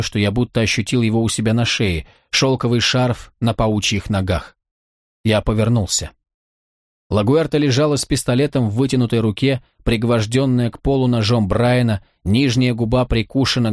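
A man narrates a first-person audiobook in a low, steady voice, measured and tense. The recording is dry and close, with no room sound. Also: no echo.

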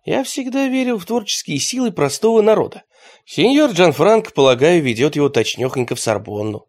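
A man's voice: a little high, expressive, brisk, pitched above the performer's own voice, natural voice. A man voicing a pompous poet with flowery speech, in a storybook reading.

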